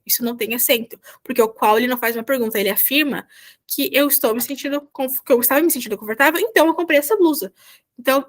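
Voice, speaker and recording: A woman's voice: on the high side, fairly bright tone. A Brazilian woman with a Brazilian Portuguese accent, a volunteer teacher explaining a Spanish lesson patiently over a video call and often checking that students follow. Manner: patient, repeats "tá?" to check understanding. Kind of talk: online class explanation.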